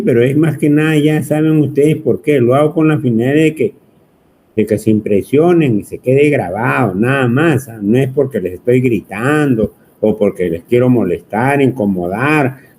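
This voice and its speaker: A man's voice: mid-range voice, darkish tone, slight background noise. A man teaching an electronics class, talking at length and teasing his students. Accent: Peruvian Spanish. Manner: chatty, teasing, asks the class constantly. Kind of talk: whiteboard lecture.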